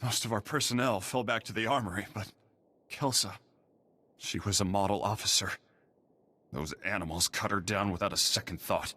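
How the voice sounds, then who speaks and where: The speaker is an actor in a video game role as a duty-bound, gruff officer at a prison station, rattling off brisk military briefings. His voice is fairly low, pushed and bright, and the mood is grim.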